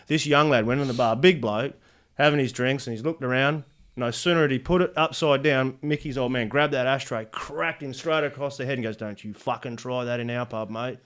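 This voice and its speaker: An Australian man of middle age tells long, meandering stories as a podcast guest. He laughs through his tales and stops and starts his sentences, with a voice of ordinary pitch. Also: brisk, a bit bright. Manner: rambling yarn-spinner, laughs often, trails into restarts. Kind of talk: casual storytelling chat.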